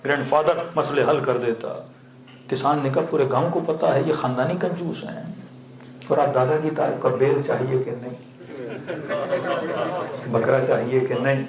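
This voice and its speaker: A man's voice: mid-range voice, fairly even intonation, long pauses, crowd noise. A male cleric giving a sermon full of stories. He asks the audience questions, answers them himself, and chuckles now and then. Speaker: Shia cleric. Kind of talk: sermon with storytelling. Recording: echoey hall.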